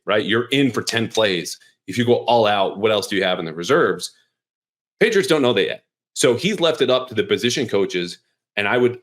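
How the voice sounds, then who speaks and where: A man hosting a sports podcast, running down notes in an energetic, conversational way with lively emphasis. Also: lowish voice. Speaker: podcast host, sports reporter. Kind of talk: casual sports chat.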